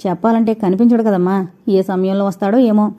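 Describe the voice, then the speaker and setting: A woman's voice: mid-range voice, fairly even intonation, a little fast, warm tone, lo-fi sound, close to an everyday voice. A woman voicing a middle-aged male landlord, polite but insistent. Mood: pressing.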